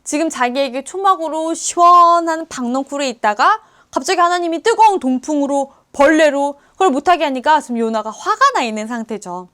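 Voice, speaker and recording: A woman's voice: high-pitched, animated, fairly quick, few pauses, fairly bright tone. A woman junior pastor giving a children's sermon, retelling a Bible story and asking the children questions.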